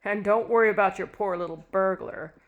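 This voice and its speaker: A woman's voice: mid-range voice, fairly quick, phone-quality sound, natural voice. A woman reading a story, voicing a ruthless middle-aged husband who talks harshly and chuckles at his wife's fears. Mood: cold.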